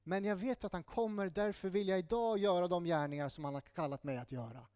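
High-voiced male pastor preaching. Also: clear, resonant tone, no echo, clean studio sound. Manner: lively, with self-interrupting asides and apologies. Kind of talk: sermon.

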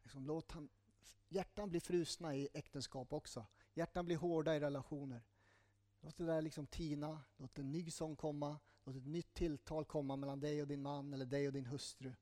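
Delivering his sermon in a chatty way, this pastor speaks on the high side with a steady tone. He sprinkles in asides and little jokes, turning slow and quiet for the tender moments.

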